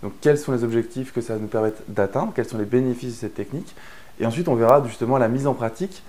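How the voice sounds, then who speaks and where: Speaking quickly in a warm, mid-range voice, a French online course instructor walks through a productivity method. His lesson is chatty explanatory narration, with lots of fillers and restarts.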